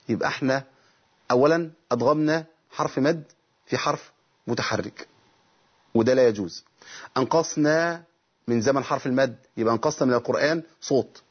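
A man's voice: mid-range voice, slightly rough, highs cut off. A middle-aged man with an Egyptian accent teaching Quran recitation rules on a TV lesson. He asks himself questions and then answers them, breaking off to demonstrate recited verses. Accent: Egyptian Arabic.

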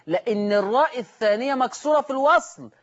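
A man's voice: very high voice, lively intonation, fast talker, muffled recording. A man teaching a Quran recitation lesson, asking the class questions and answering them himself. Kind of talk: tajweed lesson.

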